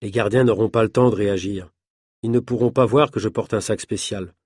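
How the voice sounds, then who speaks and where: A man's voice: lowish voice, fairly even intonation, brisk, a little mellow, slightly rough, no echo, clean studio sound. A man voicing a confident male daredevil, breezy and self-assured, in a read-aloud story. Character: confident male daredevil showman, friendly host.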